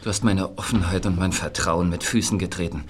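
A man's voice: deep voice, fairly even intonation, fairly quick, slight background noise, close to an everyday voice. An actor playing a stubborn male producer in an audio drama, firm and conversational. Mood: indignant.

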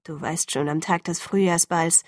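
A woman reading an audiobook and voicing a calm, smug teenage boy in a soft, velvety, subdued tone. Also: fairly low pitch, normal speed, no room sound, clean studio sound, natural voice. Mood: hesitant.

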